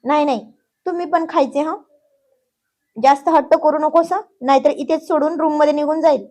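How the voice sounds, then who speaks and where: A woman's voice: sits high, steady tone, moderate pace, darkish tone, pitched above the performer's own voice, natural voice. A woman voicing a stubborn, clingy young woman who whines and pleads in a childish sing-song. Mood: pleading.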